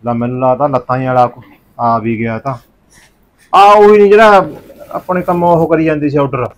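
A man's voice: on the high side, moderate pace, natural voice. A middle-aged man, playing a stern village father who lectures his wife. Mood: lecturing. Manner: lecturing, complaining husband. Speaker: father of a college girl. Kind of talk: village family drama acting. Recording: slightly dull lo-fi recording.

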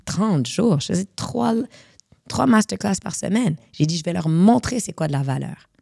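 A woman's voice: on the low side, moderate pace, gravelly, slightly rough, no room sound, studio quality. A woman from Morocco, a coach, talking casually in an interview and dropping English words into her speech. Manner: mixes English words into French, animated. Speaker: guest speaker and coach.

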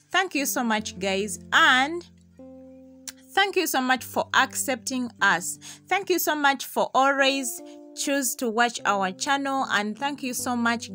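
A young Ugandan woman whose first language is Luganda vlogs casually outdoors in a village yard, greeting viewers and calling them "guys" to a tripod camera a few meters away. Her voice is a little high with a sharp tone, and she keeps repeating "guys" and thanking viewers.

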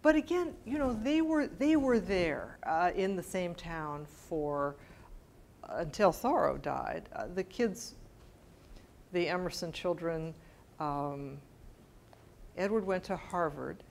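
Fairly low, creaky, and a little mellow, this middle-aged woman's voice is expressive and slow, with slight background noise. She responds to audience questions following a scholarly talk in a bright mid-sized library meeting room, casual and halting, often correcting herself mid-thought.

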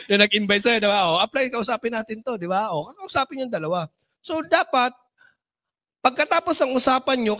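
Brief: high-pitched male trainer, animated seminar coach who keeps asking listeners for agreement. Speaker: business trainer. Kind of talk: motivational seminar talk.

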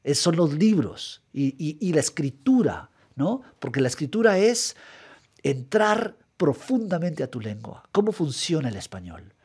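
A writer from Guatemala, middle-aged, gives a measured, thoughtful radio interview, often repeating words while he looks for them. His voice is on the high side with big swings in pitch, slightly mellow with a breathy edge. The studio microphone records him.

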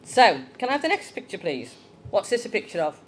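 A woman's voice: medium pitch, sing-song, fairly quick, slight background noise. A woman giving a chatty children's talk in church, asking the young ones questions.

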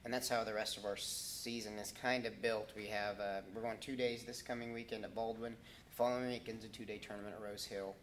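Low-voiced man, halting coach. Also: little pitch movement, fairly bright tone, slight background noise. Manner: halting, many ums and restarts. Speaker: head wrestling coach. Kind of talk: casual interview answers. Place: school wrestling room, indoors.

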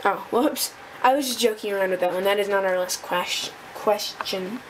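A woman presenting a casual tech demo off the cuff, halting and thinking aloud as she goes. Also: medium pitch, low-quality recording. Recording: noticeable background noise.

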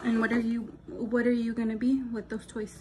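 A woman's voice: on the high side, level tone, brisk, a crowd in the background. A young adult woman, a mother, chatting casually and teasing playfully in a vlog from a car. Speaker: vlogger and mother. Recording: car and street noise behind.

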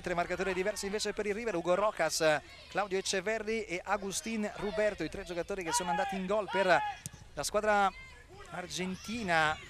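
A man's voice: sits high, fairly bright tone. A man giving live play-by-play football commentary, descriptive and flowing, lifting with the action.

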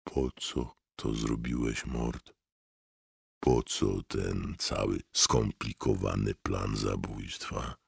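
A man voicing the slow, hushed, accusing inner voice of a haunted man in an audiobook. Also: rumbling low, animated, vocal fry, husky, no echo, studio quality, heavily acted. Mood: quiet. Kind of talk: audiobook narration.

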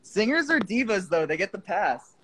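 Guy doing a phone livestream, kinda high voice, swears a lot, faint hiss behind. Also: sing-song, normal speed, a bit bright, poor audio. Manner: swears a lot, loose and jokey. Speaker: livestream host. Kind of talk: casual livestream chat.

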